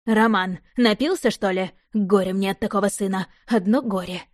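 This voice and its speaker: A woman's voice: normal speed, no room sound, close to an everyday voice. A woman voicing a distraught middle-aged mother who scolds her son, reproachful and close to tears. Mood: scolding. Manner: shrill, reproachful, near tears.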